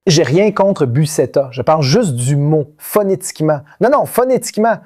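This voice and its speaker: A man's voice: a little high, animated, moderate pace, a little mellow. A man talking playfully in a casual podcast chat, teasing the others with his theories. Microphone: studio podcast microphone.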